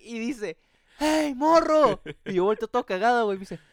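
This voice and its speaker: A young man tells a story on a casual podcast. He talks fast in a somewhat high, crisp voice, full of slang. He keeps jumping into the voices of the people in his story. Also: no echo, studio quality. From Mexico. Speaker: podcast co-host.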